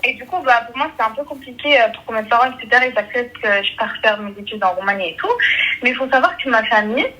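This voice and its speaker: A woman's voice: fairly high pitch, quick pace, sharp tone, rough recording. A young adult woman from Morocco's Rif, a student abroad, calling in and speaking hesitantly with nervous laughs. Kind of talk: casual phone chat.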